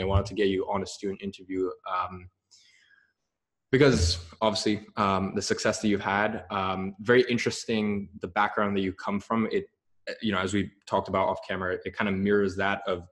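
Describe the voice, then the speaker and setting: A young man talks loosely as the host of a student interview. His voice sits low, and he rambles through fillers and restarts. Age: young adult. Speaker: host and coach of a marketing program. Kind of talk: casual talk, then interview.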